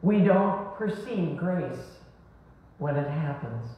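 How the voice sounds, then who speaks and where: Slow-preaching woman in an echoey church. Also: low-pitched, animated. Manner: slow, measured preaching with rising and falling emphasis. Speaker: pastor. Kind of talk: sermon. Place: small church sanctuary, indoors. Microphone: far camera. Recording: echoey church from far off, dull sound.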